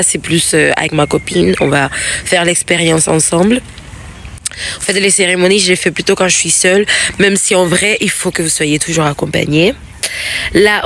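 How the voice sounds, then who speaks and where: A woman chatting casually to camera as a vlogger, hesitant and often repeating her words and phrases. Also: on the low side.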